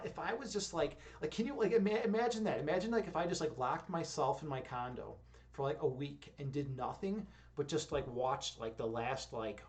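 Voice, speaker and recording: A young man hosting a relaxed live stream, reading chat aloud and rambling with lots of fillers and easy chuckles. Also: fairly high pitch. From Chicago. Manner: rambling, many "like" and "you know" fillers, chuckling. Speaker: streamer host.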